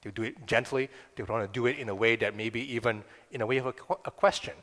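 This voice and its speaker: A man's voice: mid-range voice, fast, a bit bright. A man giving a sermon as a pastor. He talks in a conversational way and often checks in with "right?". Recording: long reverb of a big room.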